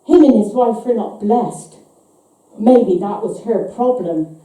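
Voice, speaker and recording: An author reads her own eerie short story live, measured and suspenseful, in a high, mellow voice. A distant microphone picks her up in an echoey hall.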